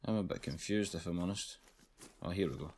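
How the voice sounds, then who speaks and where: A man giving casual, low-key commentary while playing a hunting game, thinking aloud. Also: fairly quick, darkish tone, slight background noise. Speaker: gamer.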